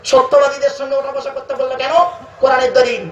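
A man with a West Bengal Bengali accent preaching a waz sermon, calling listeners "baba" and chanting verses slowly. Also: very high-pitched, flat delivery, a little hiss or hum. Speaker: preacher at a religious gathering. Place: outdoor religious gathering on loudspeakers. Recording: echoey, distant, dull public address sound.

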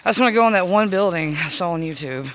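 A man's voice: high voice, animated, fast talker, fairly bright tone. A man casually commenting while walking through an overgrown abandoned park, recorded on a handheld camera. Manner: chatty, thinking aloud while exploring. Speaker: vlogger exploring abandoned places.

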